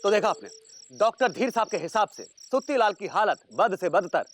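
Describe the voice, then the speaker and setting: An overdramatic TV news reporter. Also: male voice, high-pitched, animated, moderate pace, background noise. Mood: dramatic. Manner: dramatic news-anchor delivery.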